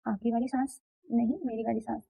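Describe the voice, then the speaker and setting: A woman's voice: on the high side, flat delivery, a little fast, vocal fry, slightly rough. A woman reading as a shy, pouting young wife. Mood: pleading, shy. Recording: dull, slightly muffled dry recording.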